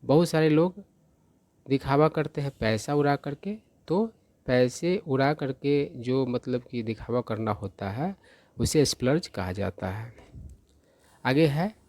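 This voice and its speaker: A man's voice: mid-range voice, a little mellow, dry recording. A man teaching English vocabulary in Hindi, explaining each word patiently and checking understanding often. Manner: slow, patient explaining, repeats "ठीक है" checks; carefully spells out pronunciation.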